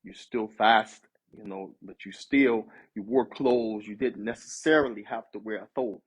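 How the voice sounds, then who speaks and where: Speaking at a measured pace in a lowish, breathy-edged voice, this East Coast man in his fifties preaches conversationally with a street inflection, weaving in Arabic phrases. The recording is rough.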